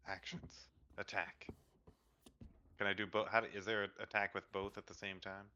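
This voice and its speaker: Deep monotone guy at game table, unsure, asking stuff, lo-fi mic. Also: normal speed. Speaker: player in a tabletop roleplaying game. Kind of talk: casual game table talk. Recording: dull lo-fi voice recording.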